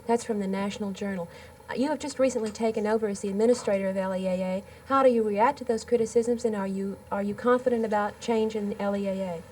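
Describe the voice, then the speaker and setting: A woman's voice: medium pitch, steady tone, fast talker, a little mellow. A woman reporter asking formal, pointed interview questions. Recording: distant mic, faint hiss.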